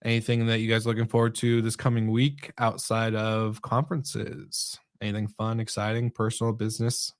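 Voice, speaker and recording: A man co-hosting a hospitality podcast, chatting in a relaxed, friendly way and laughing easily. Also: fairly low pitch, moderate pace, few pauses, no room sound, studio quality. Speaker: podcast co-host. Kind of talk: casual chat.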